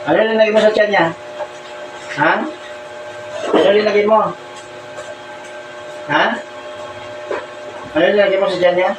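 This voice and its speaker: A man's voice: high voice, steady tone, normal speed, long pauses. A man acting as a folk healer who questions someone during a healing ritual, repeating short demanding questions again and again. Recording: echoey, distant, with loud ambient noise.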